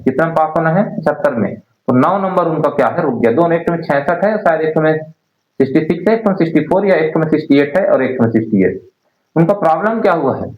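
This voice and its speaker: A male teacher leading an online Hindi spelling class, repeating words and quizzing his students. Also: on the high side. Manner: drills words by repeating them, asks students questions. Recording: roomy, dull lo-fi sound.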